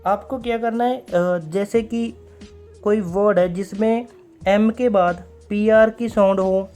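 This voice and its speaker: A man teaching a recorded stenography class, explaining step by step, repeating key words and slowing down when he reads out rules. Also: high-pitched, fairly even intonation, darkish tone, soft background music.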